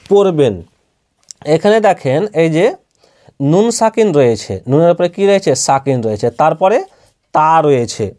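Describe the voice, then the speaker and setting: Speaking in a fairly high, mellow voice, this man teaches Quran letter reading through a slow, spelled-out recitation lesson. He is patient, has a Bangladeshi Bengali accent, and asks his own questions before answering them.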